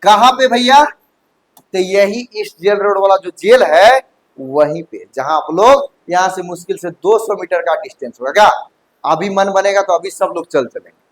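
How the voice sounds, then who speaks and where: High-voiced male coaching teacher. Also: moderate pace, low-quality recording. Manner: checks understanding often, mixes English terms into Hindi. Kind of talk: classroom lecture. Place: classroom.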